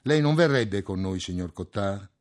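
A man reading an audiobook, voicing a calm, patient man with a gently ironic manner. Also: fairly low pitch, normal speed, close to an everyday voice.

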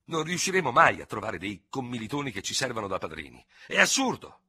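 A man's voice: on the low side, expressive, normal speed, gravelly, sharp tone, slightly rough, pitched above the performer's own voice, heavily acted. A man voicing a cool-headed young staff officer who answers with controlled scorn. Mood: exasperated. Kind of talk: audiobook character reading.

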